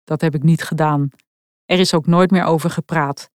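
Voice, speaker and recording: A middle-aged woman narrates a personal story in a wry, deadpan manner. Her voice sits on the low side for a woman. The recording is dry and close, with nothing of the room. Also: normal speed, dry recording. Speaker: podcast host and narrator.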